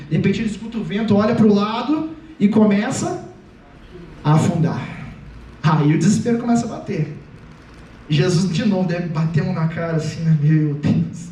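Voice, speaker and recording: Man, very high voice, comic youth preacher, roomy church hall, distant mic. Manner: animated, joking, acts out voices. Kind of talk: lively comic youth sermon. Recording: echoey hall, voice from far off.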